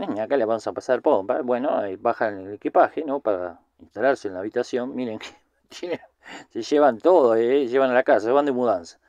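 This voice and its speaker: Male film commentator, Rioplatense accent, mid-pitched, rambling casual recap, dry room. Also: a little mellow, no room sound. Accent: Rioplatense Spanish. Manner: rambling, chatty, many filler words.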